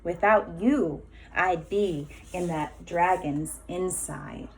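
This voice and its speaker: A woman voicing an excitable, expressive witch in a storybook read aloud for children. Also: lowish voice, takes it slowly, poor audio. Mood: grateful, relieved.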